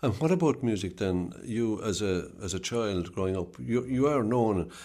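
Lowish-voiced man interviewing. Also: lively intonation, normal speed, warm tone. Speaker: podcast interviewer. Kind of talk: conversational interview.

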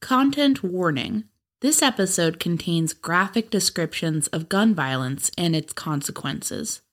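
Low-voiced woman narrating true crime. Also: expressive, unhurried. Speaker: podcast host.

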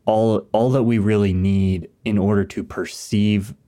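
A man's voice: lowish voice, fairly even intonation, measured pace, mellow. A man co-hosting a film podcast, thinking aloud in a reflective, casual way and restarting his sentences as he goes. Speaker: podcast co-host.

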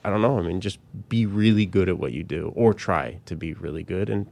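A man from Colorado, a magician guest talking in a casual chat, halting as he searches for words. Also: low-pitched, creaky, darkish tone.

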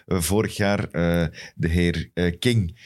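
A man with a low-pitched voice and a Flemish Belgian accent. He talks as a podcast host in loose, colloquial football chat, telling stories as he goes. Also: fairly even intonation, slow, a little mellow.

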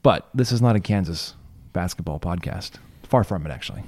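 Low-voiced guy on a sports podcast, mellow and relaxed, dry close mic, a bit strained from yelling. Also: fairly quick. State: slightly strained voice after shouting at a game. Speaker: podcast co-host. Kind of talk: casual sports chat.

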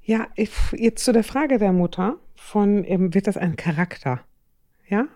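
A middle-aged woman in a relaxed podcast chat, sharing parenting advice in a mellow, dark voice. She talks thoughtfully and hesitantly, pausing on fillers as she works through her ideas. The sound is dry and close. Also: medium pitch, no room sound. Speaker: parenting advisor. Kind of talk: casual podcast conversation.

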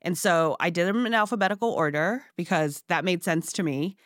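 A woman's voice: fairly low pitch, brisk, no echo, studio quality. A woman who grew up in Singapore and Hong Kong, chatting casually as a podcast guest with lots of fillers. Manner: chatty, frequent fillers, laughs easily. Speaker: guest, pie baker. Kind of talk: casual interview chat.

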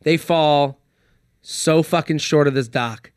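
A man, a comedian guest on a podcast, telling a story in casual chat, animated and swearing freely. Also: fairly high pitch, takes it slowly, smooth, no room sound, studio quality.

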